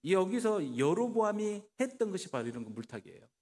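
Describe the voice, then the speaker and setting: A man's voice: sits high, very animated, brisk, darkish tone. A male pastor preaching a sermon in a church. He asks the congregation rhetorical questions and acts out the voices he quotes. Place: church sanctuary. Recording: reverberant church hall.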